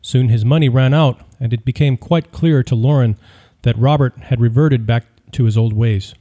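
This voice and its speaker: Man narrating, audiobook, very dark voice, measured, even. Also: mid-range voice. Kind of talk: scripted narration.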